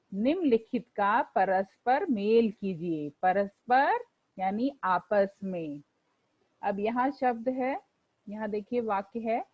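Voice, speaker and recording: A woman's voice: a little high, lo-fi sound. A woman teacher explaining a textbook lesson to pupils, patiently going over each exercise and reciting word forms for them to repeat.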